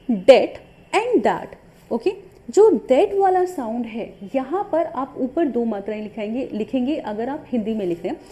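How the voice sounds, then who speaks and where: A woman's voice: sits high, mellow. A woman teaching a shorthand course in a patient, step-by-step way, often checking in with the listener. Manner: patient, repeats points with frequent "ठीक है" check-ins. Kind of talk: step-by-step tutorial explanation.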